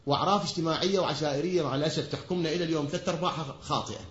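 A man with an Iraqi Arabic accent delivers a rapid, forceful sermon, his voice bright and raised a little high. He keeps firing rhetorical questions at the congregation and answering them. The pulpit audio rings around a large hall and sounds dull and lo-fi. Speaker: preacher.

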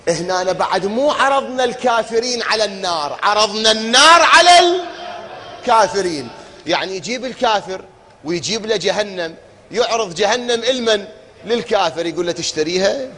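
A man with an Iraqi accent giving a religious lecture to an audience, firing rhetorical questions, chanting verses slowly and breaking into shouts. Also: high voice, expressive, a little hiss or hum. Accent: Iraqi Arabic. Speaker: preacher. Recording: long reverb of a hall.

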